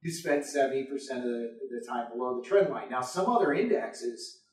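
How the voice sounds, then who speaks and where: A man's voice: mid-range voice, expressive, brisk. A man co-hosting a show with conversational market commentary. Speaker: podcast co-host. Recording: very echoey room, distant from mic.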